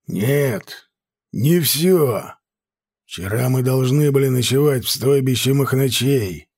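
A man voicing a stern male warrior who gives orders in a slow, menacing drawl. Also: medium pitch, darkish tone, husky. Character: stern male warrior overseer, cold, commanding.

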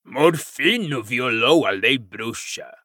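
Man doing old brutish father, gravelly, sharp, strained, slow and menacing, storybook reading. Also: medium pitch, animated, dry recording, clean studio sound, exaggerated voice. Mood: contemptuous. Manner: snarling, mocking, slow and menacing. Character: coarse, hostile old pure-blood father.

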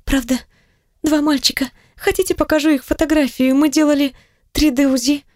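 A reader voicing a timid young pregnant woman in a soft, raised voice. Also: sits high, fairly even intonation, moderate pace, no echo, studio quality, voice pushed up, lightly acted.

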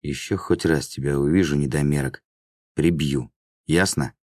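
A man's voice: extremely low pitch, moderate pace, no room sound, studio quality. A man voicing a menacing male demon who mocks and threatens in coarse, folksy speech.

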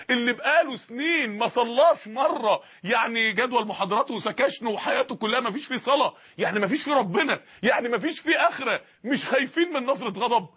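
A man's voice: very high voice, breathy edge, dull audio. An Egyptian man preaching an emotional sermon, pleading with his listeners through repeated rhetorical questions. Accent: Egyptian Arabic.

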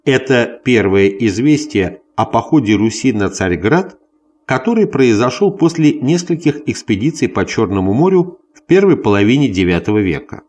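A man reading a scholarly history text aloud as scripted narration, in a deliberate, bookish manner. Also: mid-range voice, big pitch swings, darkish tone. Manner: deliberate, announces notes and quotations aloud. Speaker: audiobook reader of a history text.

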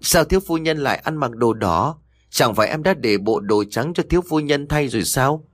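A man's voice: mid-range voice, lively intonation, normal speed, no echo, clean studio sound, pitched above the performer's own voice, natural voice. A man voicing a terrified young servant girl who begs for mercy. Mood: fearful. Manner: frightened, begging.

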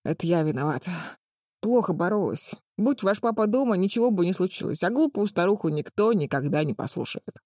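A woman's voice: fairly low pitch, lively intonation, brisk, warm tone, dry recording, clean studio sound. A woman voicing a proud, fiery old grandmother who snaps and scolds indignantly. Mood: self-reproach. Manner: snapping, indignant.

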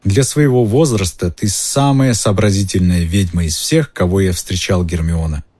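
A man voicing a calm, weary male teacher who speaks quietly and with restraint. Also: low-pitched, normal speed. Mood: wry.

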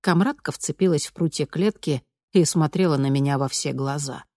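Brief: female audiobook narrator, first person, calm and measured, lowish voice, dry close sound. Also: no echo.

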